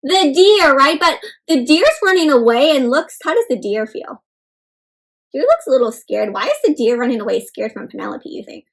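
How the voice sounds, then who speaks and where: A woman with a high, animated voice reads a story aloud to children as a storyteller and teacher. She treats them as friends, asks them questions and pauses for their answers.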